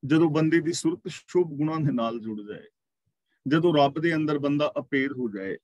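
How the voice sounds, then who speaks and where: A man teaching a scripture class, explaining verses word by word and slowly intoning the quoted lines. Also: fairly high pitch, a little mellow, no echo. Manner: explains verse word by word, slow chanted quotations. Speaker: katha teacher. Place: gurdwara class, online. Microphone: video call.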